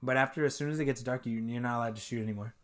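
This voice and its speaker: A young man co-hosting a podcast, firing off quick questions and jokes with plenty of swearing. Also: medium pitch, steady tone. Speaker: podcast co-host. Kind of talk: casual chat.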